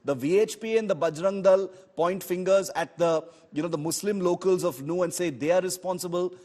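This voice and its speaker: A man with an Indian accent anchoring a live investigative news exposé, talking unscripted in a halting, discursive way. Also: sits high, a little mellow.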